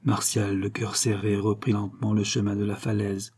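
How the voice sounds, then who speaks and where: A man calmly reading a classic story aloud in a measured storytelling manner. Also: lowish voice, breathy edge. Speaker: narrator.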